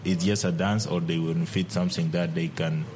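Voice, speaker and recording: A low, deep male voice, recorded over clear ambient noise. He is a dance instructor being interviewed, speaking halting English and often repeating words as he builds his sentences. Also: fairly even intonation, darkish tone. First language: not English. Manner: halting, repeats words, non-native grammar. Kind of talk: interview answers.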